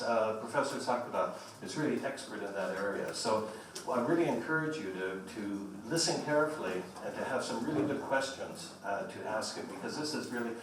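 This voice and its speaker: A man hosting an evening lecture, giving a formal but loose introduction in a halting manner with repeated phrases. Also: mid-range voice. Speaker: host introducing a guest speaker. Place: large echoey indoor room at a public lecture. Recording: echoey hall, distant mic, faint noise.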